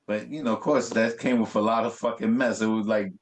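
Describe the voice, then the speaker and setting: A man talks quickly in a low-leaning voice about his life as a graffiti artist. The interview is casual, and his stories come out animated, loaded with curses and street talk.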